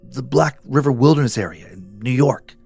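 A man voicing a frightened young man trapped in a deadly house, asking tense, cursing questions in a hushed voice. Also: mid-range voice, lively intonation, normal speed, gravelly, breathy edge, dry recording, soft background music.

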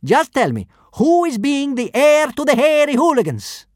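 A man's voice: very high voice, huge pitch swings, normal speed, no echo, clean studio sound, pitched above the performer's own voice, heavily acted. A man voicing a burly male Roman thug in disguise who speaks in broken, garbled sentences. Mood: menacing. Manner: shouty, garbled grammar.

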